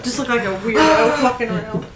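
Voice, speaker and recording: A woman's voice: a little high, brisk. A woman playing a tabletop game, adding wry asides. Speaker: player. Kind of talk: tabletop role-play banter. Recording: roomy with chatter behind.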